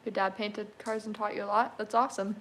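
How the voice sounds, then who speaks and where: A woman's voice: medium pitch, level tone, fairly quick, a bit bright. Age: 20s. Sex: woman. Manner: chatty, easygoing. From Canada. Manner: chatty, easygoing, laughs often. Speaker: car restoration creator. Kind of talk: casual livestream Q&A reading chat.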